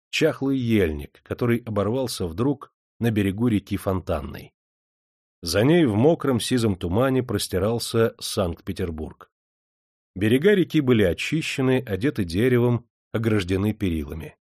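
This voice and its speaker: Brief: male audiobook narrator, expressive and animated. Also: on the low side, no echo, clean studio sound. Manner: expressive reading.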